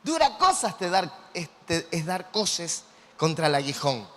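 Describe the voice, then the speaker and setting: A man with an Argentine Spanish accent preaching a sermon as a pastor, animated and quizzing his congregation. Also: high voice, a little slow, a little hiss or hum. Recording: long hall reverb.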